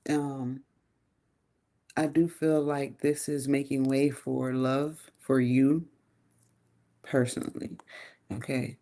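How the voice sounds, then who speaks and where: Chatty woman reading tarot, mellow voice. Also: a bass voice, level tone, slow pace, long pauses. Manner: chatty, thinks aloud, swears casually. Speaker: tarot reader. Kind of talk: casual live tarot reading.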